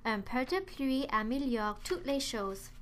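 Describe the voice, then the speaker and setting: A woman voicing a kind, wise grandmother in a storybook reading, gentle and coaxing. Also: fairly high pitch, animated, slow, slight background noise.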